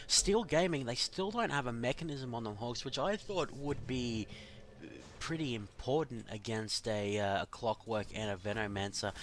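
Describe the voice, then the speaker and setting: Excitable man calling an esports match. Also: medium pitch, slight background noise. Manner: fast, excitable play-by-play with sudden rises. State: losing his voice. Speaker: esports caster. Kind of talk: play-by-play game commentary.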